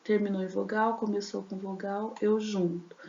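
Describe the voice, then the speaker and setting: A woman's voice: medium pitch, little pitch movement, moderate pace, gravelly, dark tone. Woman, teacher giving a recorded lesson, patient step-by-step explaining, dull lo-fi sound. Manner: explanatory, frequent fillers and tag questions. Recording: echoey dull lo-fi room recording.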